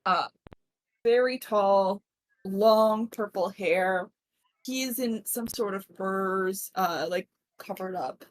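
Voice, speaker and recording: Woman game master, casual, halting with uhs, medium pitch, tabletop narration. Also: poor audio. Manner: casual with frequent filler uhs.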